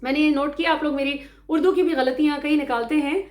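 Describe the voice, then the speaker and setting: A woman from Pakistan delivers political commentary straight to her viewers in a high, emphatic voice. She sounds indignant and often slips into English phrases. The room around her gives a noticeable echo. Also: fairly even intonation, darkish tone.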